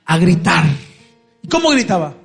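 High-voiced Mexican man preaching over guitar. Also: big pitch swings, moderate pace, gravelly, a bit bright. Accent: Mexican Spanish. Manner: asks the crowd questions, acts out voices in the story. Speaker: worship band singer preaching between songs. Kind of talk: sermon-style storytelling at a church concert. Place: church concert hall.

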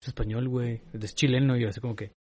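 A man with a northern Mexican accent chatting casually on a podcast, full of slang and quick to laugh. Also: medium pitch, slightly rough. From Monterrey, Mexico. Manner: slangy, laughs often, animated storytelling. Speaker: podcast co-host.

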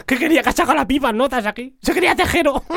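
A man acting as an excitable comedy sidekick in a studio sketch. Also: very high voice, a little fast, gravelly.

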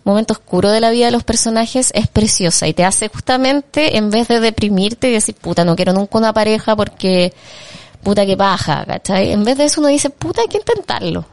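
A woman's voice: medium pitch, lively intonation, a little fast, a little mellow, dry recording. A woman with a Chilean accent, co-hosting a podcast, chatting casually and emphatically with a lot of slang. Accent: Chilean Spanish. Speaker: podcast co-host. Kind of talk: casual chat about a film.

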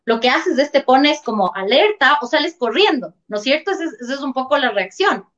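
A woman's voice: sits high, expressive, brisk, fairly bright tone. A woman, a talk-show guest earnestly explaining, often checking in with rhetorical questions. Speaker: guest speaker on emotions and trauma. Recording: dull lo-fi sound.

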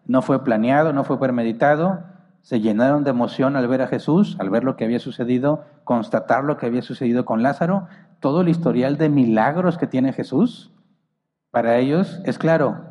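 A male preacher walks through scripture in a teaching tone, reading commentary passages and posing rhetorical questions to his listeners. His voice sits in a middle pitch with a mellow, darker colour. A long reverb trails behind his words. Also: moderate pace. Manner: reads commentary passages aloud. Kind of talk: Bible teaching sermon.

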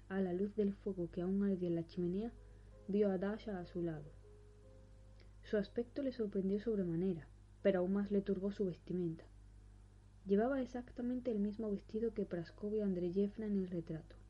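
Woman reading a spooky story, breathy, calm and solemn, muffled sound with soft music. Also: medium pitch, moderate pace. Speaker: narrator. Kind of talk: scripted narration of a horror story. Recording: dull recording with faint music.

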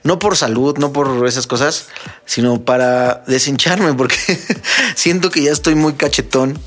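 A man's voice: mid-range voice, a little slow, a bit bright. A young man with a Mexican Spanish accent hosting a casual solo podcast, telling funny stories and talking straight to his listeners. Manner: joking, storytelling, addresses listeners as friends. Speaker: podcast host and DJ.

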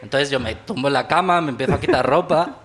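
A man's voice: medium pitch, expressive, fast talker, a bit bright. A man telling an embarrassing story on a live stage show, self-deprecating and laughing at himself. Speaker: audience member telling a story. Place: live theater show with audience.

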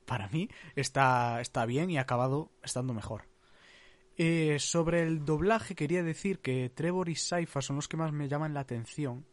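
Dry-sounding man, measured. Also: a little high, dry recording. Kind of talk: casual chat.

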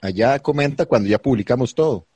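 A Costa Rican man co-hosts a comedy podcast, teasing his friends and reading out listener comments. His voice is husky and sits at a middle pitch. The sound is dry and close, with no room echo. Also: animated, brisk, warm tone. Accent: Costa Rican Spanish. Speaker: podcast co-host. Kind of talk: casual comedic podcast chat.

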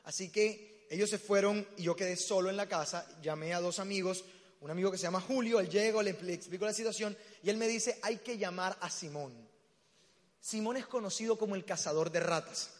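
A young man, preaching and telling a story with acted-out voices and sudden shouts. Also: high-pitched, brisk. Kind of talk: storytelling sermon. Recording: reverberant hall.

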